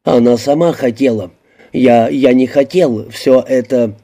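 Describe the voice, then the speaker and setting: A cowering little man, stammering and pleading in a shaky, dark, mellow voice, as a male audiobook reader puts him on. He keeps tripping over his first words in fear. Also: mid-range voice, unhurried. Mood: terrified. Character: timid stammering small middle-aged man, terrified. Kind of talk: audiobook character voicing.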